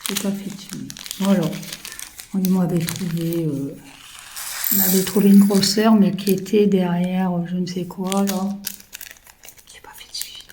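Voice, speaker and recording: A woman's voice: on the low side, fairly even intonation, a little slow, warm tone, a little hiss or hum, poor audio. A woman in her fifties chatting casually to viewers while she works on a craft project, rambling with many fillers and muttering to herself. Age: 50s. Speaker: craft vlogger.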